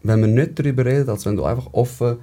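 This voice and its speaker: A man's voice: mid-range voice, fast talker, dark tone. A man with a Swiss German accent hosting a podcast, laid-back and reflective in casual talk. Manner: laid-back, reflective, calls his guest "bro". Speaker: podcast host. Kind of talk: casual conversation.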